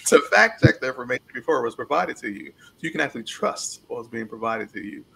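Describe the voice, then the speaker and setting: A man co-hosting a discussion podcast, talking in an animated, opinionated way with joking asides. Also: mid-range voice, brisk, creaky, breathy edge, rough recording. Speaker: podcast co-host.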